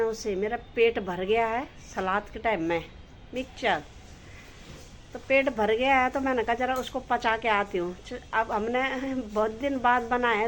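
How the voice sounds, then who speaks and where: Woman home vlogger, middle-aged, talks to friends watching, fairly high voice, faint background hiss. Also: low-quality recording. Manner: chatty, addresses viewers as friends; loud scolding of her dog. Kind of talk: casual home vlog chat. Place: home kitchen and rooftop.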